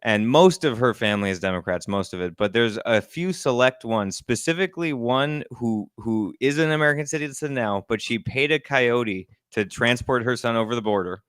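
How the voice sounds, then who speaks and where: A man co-hosting a casual comedy talk show, wry and quick with asides, often laughing. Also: medium pitch, lively intonation, a bit bright, clear, resonant tone, no echo, clean studio sound. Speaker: comedy podcast co-host. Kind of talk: casual chat.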